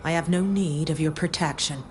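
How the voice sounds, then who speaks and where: A woman's voice: low voice, normal speed, a little mellow, slight background noise, lightly acted. An actress playing a proud, defiant young female sea captain in a video game, indignant and headstrong. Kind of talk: video game dialogue acting.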